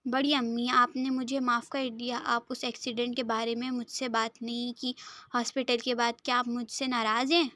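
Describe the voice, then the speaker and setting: A woman voicing a gentle, apologetic young woman about to marry, who asks timid, hesitant questions, in a dry recording. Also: a little high, flat delivery, moderate pace, dry recording. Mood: timid, coaxing.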